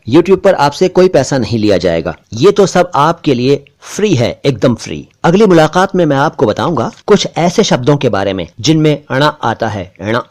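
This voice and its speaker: A man hosting a pronunciation lesson, talking straight to his viewers and repeating each word slowly for drill. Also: a little high. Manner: slow, deliberate repetition of words for drill; warm, direct address to viewers as friends. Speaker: language teacher and channel host.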